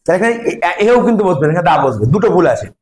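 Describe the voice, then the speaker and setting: Man, Bengali accent, English teacher, high voice, echoey classroom. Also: sing-song, very fast, a loud crowd. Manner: explains step by step, quizzing students. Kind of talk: classroom grammar lesson.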